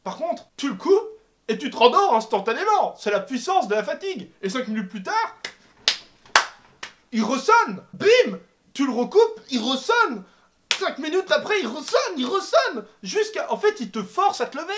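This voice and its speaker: A young man doing a comic rant to camera, animated and exaggerated, swearing and laughing often. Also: very high-pitched, normal speed, noisy background. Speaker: comedy vlogger. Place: apartment.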